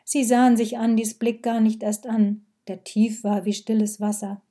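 Dark-voiced woman reading a story. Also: a little high, level tone, moderate pace. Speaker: narrator. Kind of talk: scripted narration.

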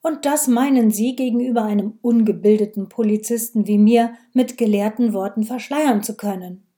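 A woman reading an audiobook voices a gruff, mocking male village policeman who talks loud, clipped and sarcastic. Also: on the high side, moderate pace, lightly acted. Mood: thundering.

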